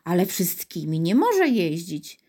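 A woman's voice: on the low side, sing-song, measured pace, mellow. A woman voicing an eager young boy who confidently explains things, in a storybook reading. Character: eager young boy, know-it-all tinkerer.

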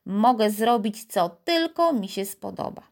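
A woman voicing a proud, boastful little girl with magic powers, lively and teasing. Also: medium pitch, measured pace.

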